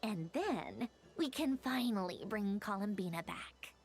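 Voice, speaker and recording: A woman's voice: medium pitch, expressive, measured pace, faint music behind. A woman voicing a haughty, impatient young female inventor with a smug, exasperated drawl in an anime video game.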